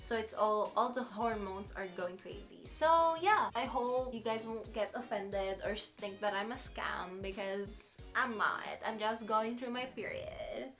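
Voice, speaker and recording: With faint music behind her, a Filipino-accented beauty vlogger in her twenties giggles through a casual on-camera chat about skincare. She speaks a little slowly with few pauses, in a fairly high voice with a fairly bright tone.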